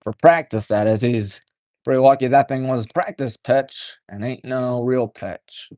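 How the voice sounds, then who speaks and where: Folksy man calling high school baseball. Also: no echo. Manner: folksy, chatty, partisan toward home team; deliberately restrained, hushed delivery. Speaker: play-by-play radio announcer. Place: stadium press box.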